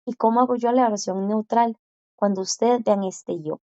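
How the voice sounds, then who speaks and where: Patient teacher: woman, dark mellow voice, dry muffled sound, slow careful drills. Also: a little high, fairly even intonation, no echo. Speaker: Korean language teacher. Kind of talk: classroom explanation.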